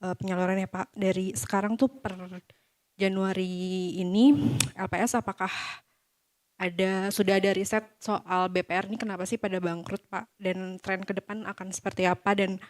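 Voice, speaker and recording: A female reporter addresses officials at a press conference with polite, direct questions. Her voice sits at a middle pitch with little movement. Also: flat delivery, normal speed. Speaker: newspaper reporter.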